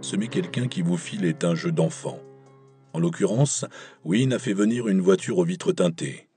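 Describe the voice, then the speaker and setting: A man narrating an audiobook in the first person, measured and wry. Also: low-pitched, mellow, soft background music.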